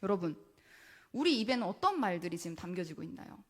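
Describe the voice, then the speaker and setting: A woman's voice: on the low side, big pitch swings, fast. A woman junior pastor preaching a sermon. She repeats key words for emphasis, and she asks the congregation questions and answers them herself. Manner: acts out casual quoted speech. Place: church sanctuary.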